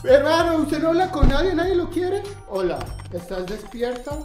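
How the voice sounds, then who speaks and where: A young man hosting a comedic reaction vlog, talking in an animated way, laughing often and shouting in surprise. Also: extremely high pitch, moderate pace. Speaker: YouTuber. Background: background music.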